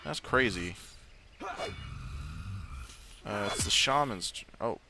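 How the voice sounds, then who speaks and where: A man with a lowish, creaky voice and lively intonation takes his time, music playing behind him along with faint game sound and video game ambience. He's a gaming video host doing casual let's-play commentary, thinking out loud and swearing offhandedly.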